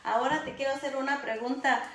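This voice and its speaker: A woman hosting a faith interview, speaking deliberately and quoting scripture. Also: sits high, fairly even intonation, fairly bright tone, reverberant. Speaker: host.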